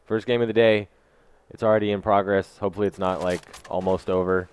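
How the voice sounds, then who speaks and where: A young man hosts a gaming video, giving casual, foul-mouthed live commentary into a gaming headset mic in a small indoor room. His voice is lowish, brisk and clean, with fairly even intonation, and loud game gunfire sounds behind him.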